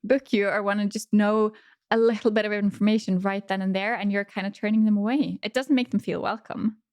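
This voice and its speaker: Soft-spoken woman hosting a podcast. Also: mid-range voice, steady tone, brisk, clean tone, dry recording. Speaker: podcast host. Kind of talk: casual interview talk.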